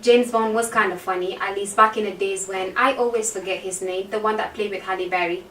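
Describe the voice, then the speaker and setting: A woman's voice: medium pitch, fairly even intonation, brisk, fairly bright tone. A woman in a casual panel discussion who is sarcastic and answers with punchy one-word retorts. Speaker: panel guest. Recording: roomy sound from a distance with faint noise.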